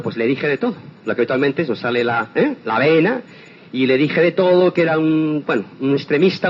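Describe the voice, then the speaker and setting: An older man from Spain speaking earnestly to an audience, giving a personal testimonial with rhetorical questions. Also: a little high. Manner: earnest, addresses listeners directly with rhetorical questions. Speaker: motivational speaker. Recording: dull lo-fi sound with faint noise.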